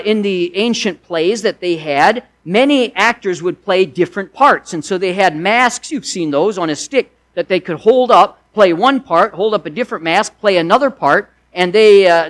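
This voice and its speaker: A man delivers a sermon in a relaxed teaching manner. His voice sits high, and he talks it through with frequent restarts and asides. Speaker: preacher.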